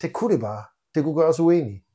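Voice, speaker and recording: A man's voice: a little high, expressive, mellow. A man, co-hosting a podcast in casual banter and telling joking stories. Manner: joking, teasing, playful storytelling. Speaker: podcast co-host.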